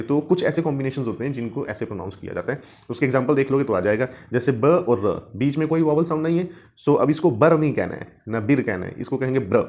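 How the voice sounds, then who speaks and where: A man's voice: mid-range voice, darkish tone. Man teaching phonics in Hindi and English. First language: Hindi or Urdu. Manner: mixes Hindi and English, repeats each point in both; sounds out letters slowly and drawn out. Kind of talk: spoken English lesson.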